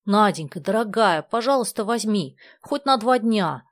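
Storybook figure: a woman playing a begging, excitable schoolgirl, high and breathless with eagerness. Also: normal speed, dry recording. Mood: eager. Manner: pleading, eager. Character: eager young girl, pleading and excitable.

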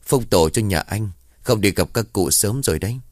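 Deep-voiced man telling a folk ghost story. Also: expressive, normal speed, no echo, clean studio sound. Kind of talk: scripted ghost story narration.

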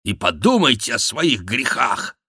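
A man's voice: medium pitch, very animated, measured pace, bright, forceful tone, slightly rough, no echo, clean studio sound, voice pushed up, exaggerated voice. A man reading an audiobook, voicing a stern, weary king who gives commands. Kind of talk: audiobook character voice.

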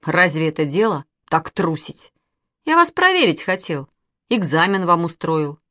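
A woman voicing a boastful boy who speaks in a slow, mock-ominous, self-important way. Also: on the low side, big pitch swings, fairly bright tone, no room sound, clean studio sound. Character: boastful boy Kostya, playing the brave explorer.

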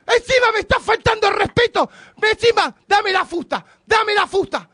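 A man playing an exasperated middle-aged father who yells at his lazy grown son, with an Argentine accent, in a radio comedy sketch. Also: extremely high pitch, animated, fairly quick, dry recording, clean studio sound, exaggerated voice. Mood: scolding. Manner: blustering, yelling.

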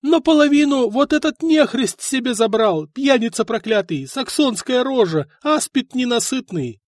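A tortured clerk wails and pleads in a high, strained, loud voice, as a male narrator puts him on. The delivery is shrill and desperate, with pitch leaping from word to word. The recording is close and dry. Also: expressive, moderate pace, no room sound. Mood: shrieking. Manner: wailing, pleading loudly. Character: terrified male clerk begging under torture.

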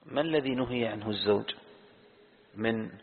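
A man teaching a lesson on Quran commentary, asking the audience questions and answering them himself, and slowly repeating key words. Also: on the low side. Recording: tinny phone-like sound in a reverberant hall.

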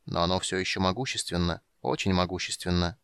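A man reading aloud, voicing a curt, frail young mage in a low, even tone. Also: brisk, clear, resonant tone, dry recording.

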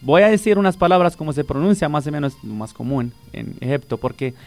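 On a radio interview, a teacher from Palestine, a native Arabic speaker, talks fast and animatedly in a fairly high voice. He walks listeners patiently through greetings, repeating every word, over soft background music.

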